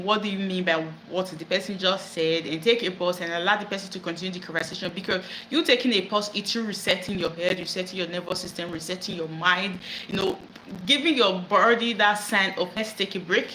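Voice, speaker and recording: A woman's voice: on the low side, fairly quick, sharp tone, a little hiss or hum. A woman giving casual, earnest self-help advice to camera, repeating herself and searching for words. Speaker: wellness vlogger. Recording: echoey room with faint background ambience.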